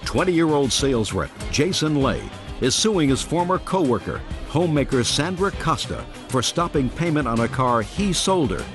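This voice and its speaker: A man's voice: a little high, very animated, normal speed, over music. A man reading scripted narration as the announcer of a TV court show.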